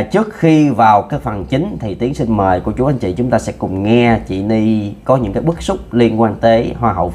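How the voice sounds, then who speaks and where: A man's voice: on the low side, a little mellow. A man hosting a news-style vlog, greeting viewers politely with frequent filler sounds. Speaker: vlog host.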